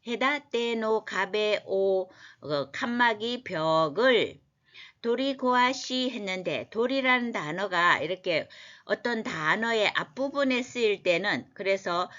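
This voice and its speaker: A woman teaches scripture phrases at an unhurried pace. She breaks each one down word by word and repeats it for learners. The recording sounds slightly dull and lo-fi. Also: medium pitch, fairly bright tone. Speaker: language teacher. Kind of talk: scripture language lesson explained word by word.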